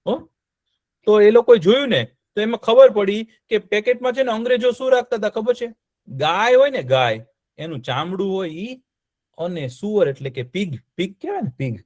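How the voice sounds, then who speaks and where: A man's voice: high-pitched, animated, normal speed, a little mellow, no echo, clean studio sound. A man telling a history story to children, often stopping to quiz them with check-in questions.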